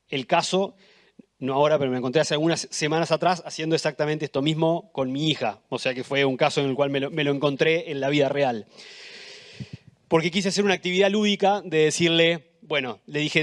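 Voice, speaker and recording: A man with a Uruguayan accent giving an explanatory conference talk, with animated emphasis and frequent restarts. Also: on the high side. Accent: Uruguayan Spanish. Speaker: conference speaker. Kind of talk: live educational talk.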